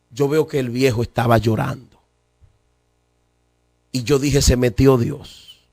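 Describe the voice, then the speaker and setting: A man's voice: fairly high pitch, no room sound, clean studio sound. A male pastor preaching a fervent sermon, repeating phrases and appealing directly to listeners.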